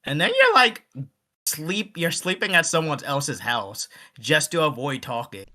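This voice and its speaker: A man's voice: fairly high pitch, a little slow. A man co-hosting a casual podcast chat, talking animatedly and acting out what other people say. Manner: animated, acts out quoted voices. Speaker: podcast co-host.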